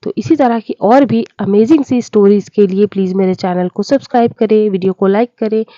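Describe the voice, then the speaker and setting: Woman, storyteller, scripted narration, steady, mellow, dull lo-fi sound. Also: mid-range voice, brisk, no room sound.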